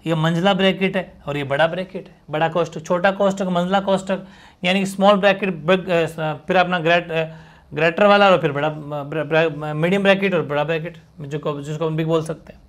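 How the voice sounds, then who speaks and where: High-pitched emphatic tutor, man. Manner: emphatic, repeats key words, drawn-out example phrases. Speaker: teacher. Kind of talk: exam-prep lesson at a board.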